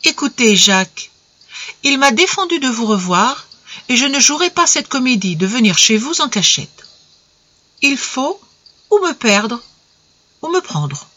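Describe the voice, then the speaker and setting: A woman's voice: mid-range voice, lively intonation, measured pace, long pauses, a bit bright, muffled recording. A woman reading aloud, voicing a distraught, resolute young society wife in a story. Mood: anguished. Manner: pleading, then firm and grave.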